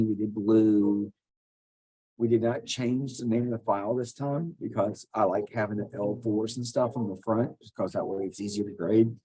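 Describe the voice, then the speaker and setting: In a screen-recorded software tutorial, a man teaches students a computer task one step at a time, talking casually and thinking out loud while he clicks. His voice sits on the lower side and sounds warm and slightly rough.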